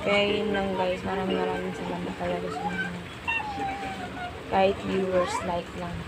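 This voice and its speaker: A woman with a Filipino accent, a mother chatting casually and haltingly to her vlog viewers in a confiding way. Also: on the low side, big pitch swings. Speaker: vlogger and mother. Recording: noisy phone video with loud ambient noise.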